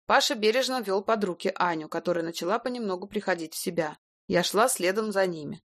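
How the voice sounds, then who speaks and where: Woman reading a first-person crime story, mid-pitch, brisk and wry, dry close mic. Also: a bit bright, dry recording. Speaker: audiobook narrator. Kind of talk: first-person detective novel narration.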